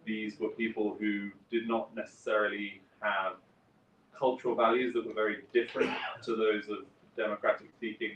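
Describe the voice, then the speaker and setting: A man in his forties speaks in a very low voice, wry and conversational as he tells his story at a conference. He sits well back from the mic in an echoing hall. A faint hum of room ambience runs underneath. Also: a bit bright, far from the mic. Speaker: guest speaker, journalist. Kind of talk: conference talk.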